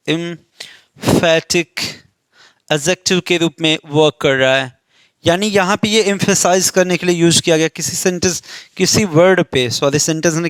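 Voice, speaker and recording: A man with an Indian accent teaching an exam-prep English grammar lesson. He asks questions and answers them himself, and reads the example sentences out slowly. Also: a little high, smooth, no room sound.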